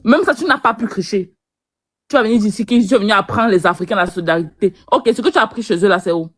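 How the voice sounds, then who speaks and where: A woman's voice: medium pitch, fast talker, fairly bright tone, no echo, clean studio sound. A woman from Cameroon, scolding and mocking another panelist on a live stream, often stumbling over repeated words. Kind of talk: heated live stream rebuttal.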